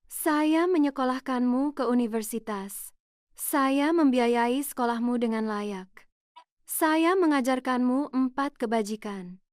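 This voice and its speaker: A woman's voice: high-pitched, takes it slowly, clean tone, no echo, clean studio sound. A woman voicing a furious aging father who scolds his daughter in a raised, accusing voice. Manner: shouting, accusing, indignant.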